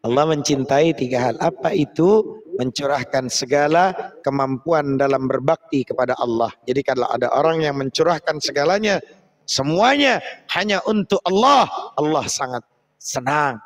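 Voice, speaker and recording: A man preaching a lively sermon, acting out prayers and chanting Arabic phrases slowly. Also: fairly high pitch. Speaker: Islamic preacher.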